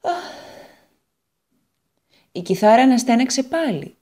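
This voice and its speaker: A woman storyteller reading a children's story aloud on a radio show, in a calm, measured way. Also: fairly low pitch, creaky, slightly rough.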